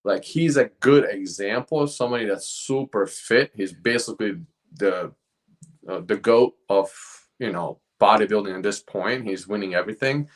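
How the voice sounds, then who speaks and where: A man's voice: fairly low pitch, moderate pace. A young man, a fitness coach, chatting casually and rambling a little, often tossing in "man" at the end of a phrase. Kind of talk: casual podcast chat.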